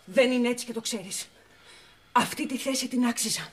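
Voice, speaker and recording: Determined woman editor, high voice, firm and calming, TV soap drama. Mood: defiant. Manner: firm, self-justifying, calming. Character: proud determined woman editor, standing her ground. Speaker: new magazine editor.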